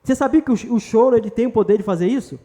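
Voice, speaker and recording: High-voiced preacher. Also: male voice, racing, mellow. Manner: emphatic and conversational, joking and addressing the congregation directly. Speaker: pastor. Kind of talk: sermon. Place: church retreat hall.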